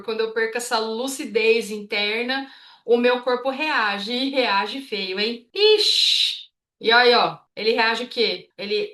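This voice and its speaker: A woman with a Brazilian Portuguese accent teaching English in a casual, chatty way, reading her example sentences slowly. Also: on the high side, pushed and bright, reverberant. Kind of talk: casual explanatory lesson.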